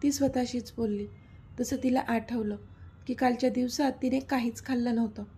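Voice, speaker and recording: A woman narrating a serialized romantic story in a steady, expressive reading. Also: fairly high pitch, moderate pace, a little hiss or hum.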